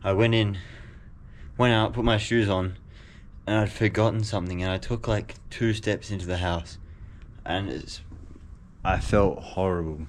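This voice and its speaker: A young travel vlogger with a slightly low voice, chatting casually and cursing as he walks through old sites. His handheld recording picks up plenty of noise around him. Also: steady tone, unhurried. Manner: casual, swears a lot, jokey. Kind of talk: casual vlog narration. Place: exploring historic buildings and a cave, partly indoors.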